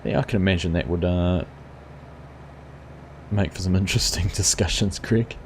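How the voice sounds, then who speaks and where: Deep-voiced and speaking at a moderate pace, a middle-aged man with a New Zealand accent runs a live gaming stream over a faint hiss or hum. Laid-back and talkative, he leans on many fillers while reading viewer comments aloud and responding to people by name.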